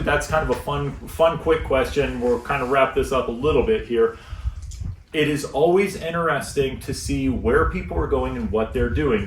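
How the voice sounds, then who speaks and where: An American man, a luggage store instructor, giving a relaxed, chatty packing seminar to a live audience in a shop. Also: mid-range voice. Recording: echoey room, mic at a distance, faint noise.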